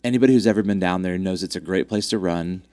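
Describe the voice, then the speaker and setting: A track club representative chats about upcoming races at a quick pace, his low-pitched, congested voice dark in tone. The casual interview is upbeat and promotional, heavy with fillers, and the recording is dry.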